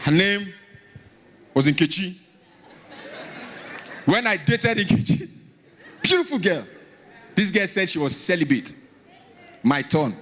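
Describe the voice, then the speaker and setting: Animated Nigerian man doing stand-up. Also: high-pitched. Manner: animated, acting out bits with dramatic pauses and repeats. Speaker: stand-up comedian. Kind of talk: stand-up comedy storytelling to an audience. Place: live comedy stage before an audience.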